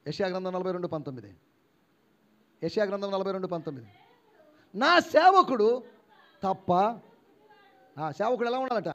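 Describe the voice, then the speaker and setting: Fifties male pastor, high voice, animated sermon with shouted peaks, dull lo-fi sound. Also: fast talker, pauses often. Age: 50s. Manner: animated preaching, rising to loud emphatic shouts, acting out imagined replies. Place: church.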